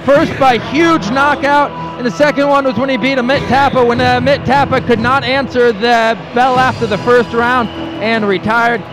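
A man's voice: very high-pitched, steady tone, moderate pace, rough recording. A man giving analytical live colour commentary on a mixed martial arts fight. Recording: live arena broadcast, crowd and music behind.

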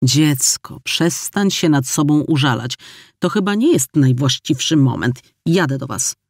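A man reading an audiobook, voicing a brisk, no-nonsense older grandmother on the phone. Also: fairly high pitch, expressive, no room sound, studio quality.

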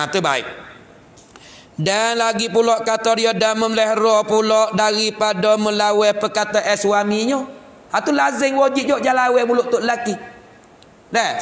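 A man with a Patani Malay accent teaching a religious text in a mosque, lively and joking as he acts out scenes of home life. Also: high voice. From southern Thailand. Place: mosque hall. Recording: echoey hall with long reverb.

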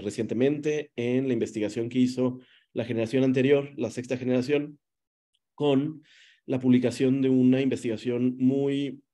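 A man in his forties hosting an online journalism workshop from a room at home, speaking in a measured way with many hesitations. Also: mid-range voice, dark tone. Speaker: workshop moderator. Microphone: video call.

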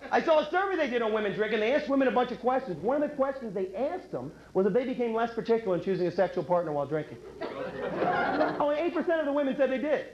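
A man's voice: very high voice, sing-song, fast. A male stand-up comedian in a chatty routine, teasing the crowd with rhetorical questions and laughing at his own jokes. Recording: echoey, muffled club recording with loud noise.

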